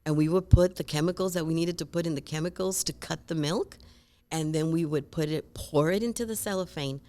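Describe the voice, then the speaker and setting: A woman from Rico, a guest telling lively stories in an interview and acting out other people's voices. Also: low voice, fairly quick. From Puerto Rico. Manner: animated, acts out voices and accents in stories. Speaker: guest speaker. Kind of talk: conversational interview storytelling.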